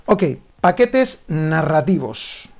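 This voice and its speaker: A man's voice: a little high, very animated, takes it slowly, gravelly, dull audio. A man giving a video lesson on learning languages, explaining directly to the viewer and checking in often. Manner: direct, addresses the viewer with frequent "¿vale?". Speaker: language teacher.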